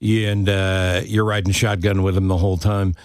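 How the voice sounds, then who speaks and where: Lowish-voiced upbeat radio host. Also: male voice, flat delivery, darkish tone, clean tone, no echo, clean studio sound. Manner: enthusiastic, quick backchannels. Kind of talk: casual radio talk. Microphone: studio microphone.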